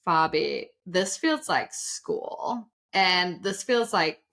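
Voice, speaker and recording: Her voice lowish and her words drawn out, a German woman in her thirties recounts her journey as a side hustle coach on a conversational podcast. She speaks accented English in an energetic, chatty way, leaning heavily on "like" and "literally."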